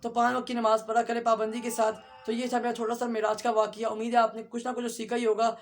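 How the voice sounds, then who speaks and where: A man's voice: very high voice, monotone, soft background music. A man vlogger earnestly retelling a religious story and speaking straight to his viewers. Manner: earnest, fast storytelling with direct address to viewers.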